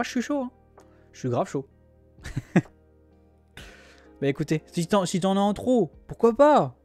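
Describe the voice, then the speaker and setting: Young male streamer, slightly high voice, teasing banter, light music underneath. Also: a little mellow. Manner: joking, teasing, talks to his chat. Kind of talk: casual live-stream chat.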